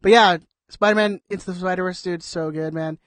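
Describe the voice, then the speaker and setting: A man with a notably high voice rambles through casual podcast talk, piling on "like" and "dude" as he goes. The sound is close and dry. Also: steady tone, brisk, a bit bright, dry recording. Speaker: podcast co-host. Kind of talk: casual chat.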